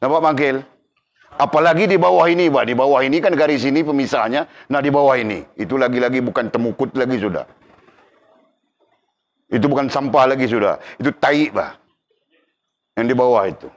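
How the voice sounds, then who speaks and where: A man's voice: mid-range voice, brisk, pauses often. Emphatic male religious teacher. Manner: emphatic, keeps checking students understand. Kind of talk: religious class lecture.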